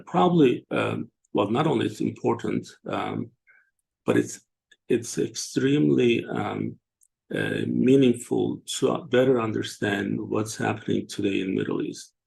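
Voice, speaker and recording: A man from Turkey, hosting a casual online discussion and talking haltingly with many fillers and restarts. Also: on the low side, darkish tone. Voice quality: gravelly, husky. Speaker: show host.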